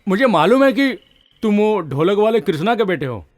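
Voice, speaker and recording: A lovesick, boastful villager. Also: male voice, high voice, very animated, moderate pace, no room sound. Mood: chatty. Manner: chatty, boastful. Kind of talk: dubbed film acting.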